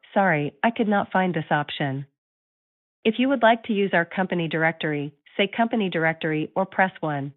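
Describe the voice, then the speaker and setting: Woman, automated phone menu, heard over a landline, tinny narrow line, lowish voice. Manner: even, polite, scripted prompts. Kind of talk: recorded phone menu prompts.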